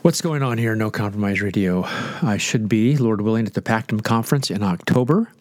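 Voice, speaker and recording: A congested, stuffy-nosed pastor hosts a radio show, rambling off the cuff and joking at his own expense. His voice is fairly low, a little fast, and a little mellow.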